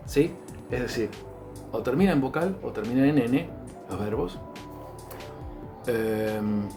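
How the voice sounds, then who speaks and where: A man with an Argentine accent teaching a grammar lesson. He lists example words one after another and keeps checking in with a quick "¿sí?". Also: medium pitch. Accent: Argentine Spanish. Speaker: language teacher.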